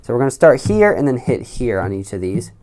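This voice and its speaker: A man giving an instructional guitar lesson in a careful, unhurried way, explaining step by step. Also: medium pitch, very animated, a little mellow. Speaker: guitar teacher. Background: acoustic or electric guitar playing.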